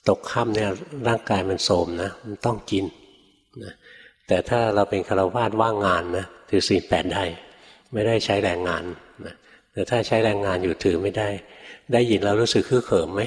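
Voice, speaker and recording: Older monk preaching in a reverberant hall. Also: male voice, on the low side. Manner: relaxed, folksy, peppers speech with a soft tag particle, acts out quoted voices. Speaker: Buddhist monk teacher. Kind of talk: storytelling sermon.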